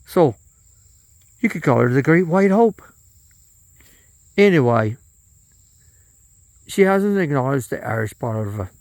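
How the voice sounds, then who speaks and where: A man's voice: medium pitch, expressive, unhurried, pauses often, a little mellow, no echo. A man delivering a rambling, profane political monologue, often trailing off and restarting.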